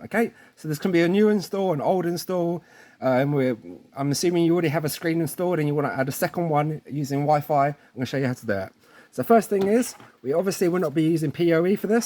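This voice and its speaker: This installation tutorial presenter, whose voice sits on the high side with a darkish tone, walks through a casual hands-on tech demo informally and frequently checks in with his viewers.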